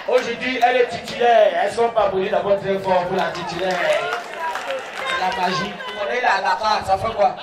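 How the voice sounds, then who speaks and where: A man from Cameroon with a Cameroonian French accent, working as a wedding MC and joking with the crowd and calling for applause. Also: high voice. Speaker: wedding MC and comedian. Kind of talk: stand-up comedy at a wedding. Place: wedding reception hall. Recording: roomy hall from far off, noisy crowd.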